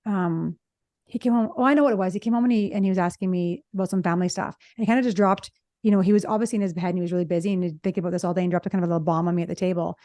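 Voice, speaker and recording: A middle-aged woman, a relationship psychologist, talking fast and telling animated stories in a casual conversation. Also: on the low side, no echo. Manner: fast talker, animated storytelling. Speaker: podcast co-host, relationship psychologist.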